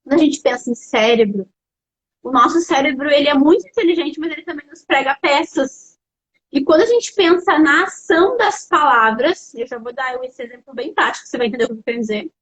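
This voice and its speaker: A young adult woman with a Brazilian accent hosting a live stream as an educational psychologist, explaining parenting tips to viewers in an animated, direct way. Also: high-pitched, fairly quick, rough recording. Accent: Brazilian Portuguese. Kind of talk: casual live-stream advice talk.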